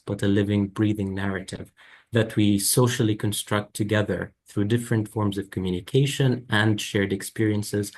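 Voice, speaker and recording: A young man from the Levant moderating an online webinar, speaking in a measured, reflective way with occasional fillers. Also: on the low side, a little mellow. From Lebanon or Syria. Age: young adult. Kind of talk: formal introductory talk. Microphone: video call.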